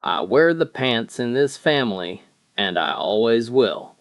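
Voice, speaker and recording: A man's voice: mid-range voice, animated, a little slow, dry recording. A man playing a bossy father who gives advice to his son in a self-assured, instructive way.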